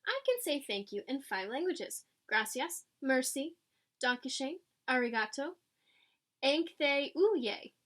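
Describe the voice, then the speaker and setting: A woman reads a picture book aloud to children the way a teacher would, animated and explanatory, acting out lines and adding asides. Her voice sits high and her pace is slow.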